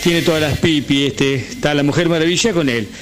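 A man's voice: on the high side, fairly quick, music in the background, natural voice. A man voicing a boastful Batman parody with a Rioplatense accent, cocky and slangy. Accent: Rioplatense Spanish.

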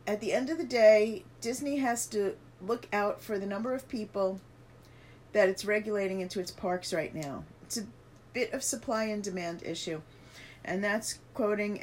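A woman's voice: mid-range voice, a little hiss or hum. Chatty woman reading news with asides. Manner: reads aloud and adds asides, with fillers. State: has the hiccups. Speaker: podcast co-host reading news. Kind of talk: casual chat reading articles aloud.

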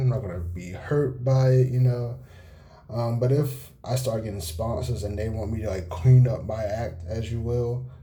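A nineteen-year-old man hosting a casual solo podcast, talking in a laid-back monotone with many fillers and pauses, recorded on a cell phone. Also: mid-range voice. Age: young adult. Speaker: podcast host.

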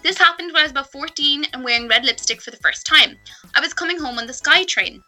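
A woman's voice: high voice, pushed and bright. A woman co-hosting a casual chat, blunt and casually swearing, reading stories aloud.

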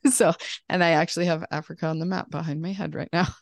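Bubbly low-voiced woman guest. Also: fairly even intonation, fast, creaky, darkish tone, no room sound. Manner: bubbly, talkative, laughs often. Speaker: podcast guest, life coach. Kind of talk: casual podcast chat.

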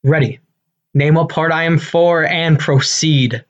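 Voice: medium pitch, measured pace, lightly acted. A self-important amateur thespian of a man, as an actor plays him, declaiming eagerly and bombastically. It is Shakespearean comedy, in a slightly dull recording. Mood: eager, bossy. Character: Bottom, boastful, eager amateur-actor weaver, adult man.

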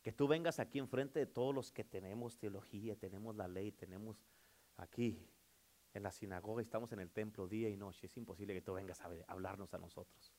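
A man, a pastor preaching a sermon, calling out amen often and swinging between loud declarations and hushed passages. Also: lowish voice, fairly even intonation, fairly quick.

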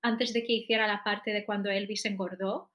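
A woman's voice: mid-range voice, flat delivery, moderate pace, a bit bright. A woman with a Spain Spanish accent co-hosting a podcast, chatting in an opinionated way and often trailing off with little tag questions. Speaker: podcast co-host. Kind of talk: casual chat.

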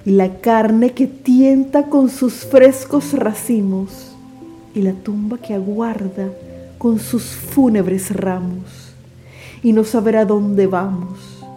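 A woman declaiming poetry in a grand, dramatic, solemn way, with emphatic, drawn-out words. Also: medium pitch, fairly even intonation, dark tone. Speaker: poetry podcast host. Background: background music.

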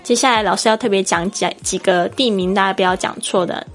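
Soft music plays behind this brisk, medium-pitched woman, an English teacher and podcast host from Taiwan. With a Taiwanese Mandarin accent, she runs a chatty, explanatory podcast lesson and spells words letter by letter.

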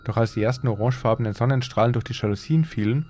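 A man hosting a podcast, reading a horror story aloud in a measured, suspenseful way. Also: medium pitch, a little mellow, slight background noise. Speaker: podcast host and story reader.

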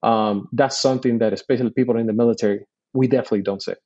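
Speaking rapid-fire in a dark, medium-pitched voice with fairly even intonation, this Army veteran from Puerto Rico, in his forties, joins a podcast as a guest. The audio is dull, and he explains earnestly and patiently in casual talk, leaning on "you know" fillers.

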